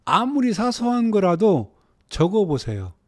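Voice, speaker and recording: Lively, slow-paced male Bible teacher. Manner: swings between hushed low phrases and raised urgent exhortation; slow, drawn-out reading of Hebrew words. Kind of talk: spoken Bible lesson.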